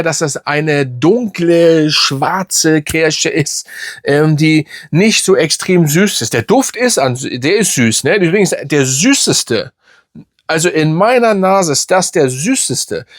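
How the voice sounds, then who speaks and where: A man's voice: a little high, dry recording. A middle-aged man casually reviewing a fragrance, rambling with lots of fillers and tag questions, speaking close to the mic.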